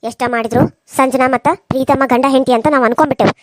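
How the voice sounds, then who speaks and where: A woman's voice: sits high, fairly even intonation, racing, a little hiss or hum, pitched below the performer's own voice, natural voice. A woman voicing a harsh, scheming, wealthy middle-aged mother-in-law in a cartoon serial, with a North Karnataka accent and a scolding, contemptuous manner. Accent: North Karnataka Kannada.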